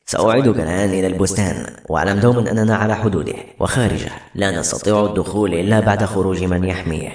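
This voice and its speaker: A man voicing the grave male leader of a hidden people, giving measured warnings. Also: low voice, darkish tone, roomy sound, pitched below the performer's own voice.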